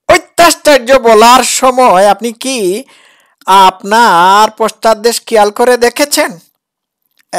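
A woman comments on a played clip. She talks in a sarcastic, needling way, pressing her target with pointed questions. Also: fairly high pitch. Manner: mocking, sarcastic, challenging. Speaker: critic reacting to a preacher's clip. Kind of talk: reaction commentary.

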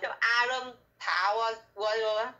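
A woman student reading practice sentences in class, halting and hesitant over the words. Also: fairly high pitch, steady tone, pushed and bright. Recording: dull lo-fi video call audio.

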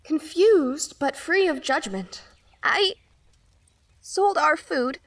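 A young girl narrating her own story in a high, youthful voice. She sounds choked up, as if fighting back tears. It is an audio drama performance. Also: animated, slow pace. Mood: tearful. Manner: emotional, close to tears. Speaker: lead character and first-person narrator.

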